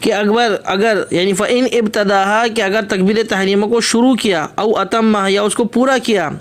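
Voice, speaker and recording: Guy with a high voice teaching a religious text, reads a bit then explains it, asks questions and answers them himself. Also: steady tone. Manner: repeats and rephrases points for emphasis. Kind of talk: classroom text lesson.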